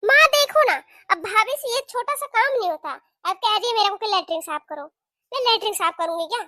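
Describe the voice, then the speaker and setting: A sharp-tongued young sister-in-law who complains and argues indignantly, as a woman voices her for a cartoon. The tone is very high and bright, recorded dry and close. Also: normal speed, no room sound. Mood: complaining. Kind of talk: cartoon voice acting.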